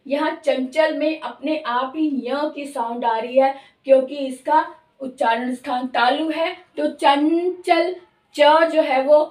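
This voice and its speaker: A woman teaching Hindi grammar, explaining slowly and drawing out each sound she demonstrates. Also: high voice, steady tone, darkish tone, echoey room, distant mic. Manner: slow, careful, drawn-out demonstration of sounds. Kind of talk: explanatory lesson.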